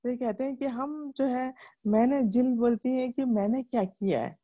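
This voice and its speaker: A woman's voice: on the high side, normal speed, mellow. A middle-aged Indian woman explaining a self-help book to her viewers in a chatty way, asking and answering her own questions.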